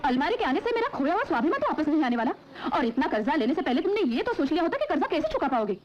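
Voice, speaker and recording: A hurt, complaining young wife. Her voice is high, quick and lively in pitch. The film audio is slightly muffled with a faint hum behind. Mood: bitter. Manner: aggrieved and complaining. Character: resentful married young woman, hurt by in-laws. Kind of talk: Hindi film acting.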